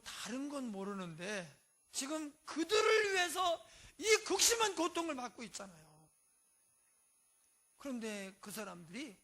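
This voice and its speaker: Bright-voiced pastor preaching conversationally. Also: medium pitch. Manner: conversational preaching with frequent "yes" affirmations. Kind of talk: sermon.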